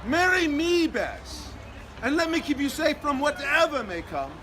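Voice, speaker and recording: A man's voice: very high-pitched, big pitch swings, measured pace, exaggerated voice. A man playing an earnest noble suitor. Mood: pleading. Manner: earnest, pleading. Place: outdoors among a crowd near traffic. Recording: distant voice, outdoor crowd and street noise.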